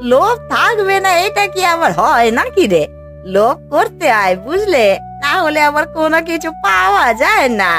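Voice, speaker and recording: Cartoon: woman voicing a showy village wife, high and very animated, bragging. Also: normal speed, full character voice. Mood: persuasive. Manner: bragging, lively and persuasive. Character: boastful young village wife showing off gold. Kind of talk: cartoon voice acting. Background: background music.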